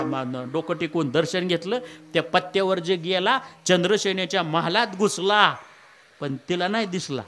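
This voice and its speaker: A man's voice: a little high, a bit bright. A man preaching a humorous, folksy Ramayana discourse, with asides to his listeners. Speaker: kirtan preacher.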